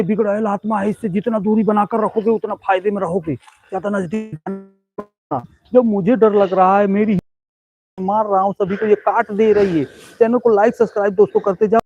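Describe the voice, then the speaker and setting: A man with a husky, breathy voice that sits a little high for a man. He hosts a comic live ghost-hunt vlog. He keeps repeating urgent warnings to stay back and rattles off quick like-and-subscribe pleas. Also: a little mellow, lo-fi sound. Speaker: host of a comic ghost-hunting show.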